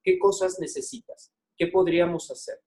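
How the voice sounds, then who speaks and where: A man gives a webinar talk to teachers, his voice sitting somewhat high for a man. He talks conversationally, leaning on "eh" and "este" fillers. He keeps checking in with the listeners through rhetorical questions. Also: sing-song, moderate pace, vocal fry, a little mellow. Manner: conversational, asks the audience frequent check-in questions. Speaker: psychologist giving a teacher webinar.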